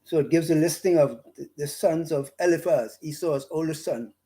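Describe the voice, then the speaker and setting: A Bahamian man giving an informal Bible study, reading verses slowly and pausing often with fillers and restarts. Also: on the high side, mellow. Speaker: Bible teacher. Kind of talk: slow informal scripture study talk.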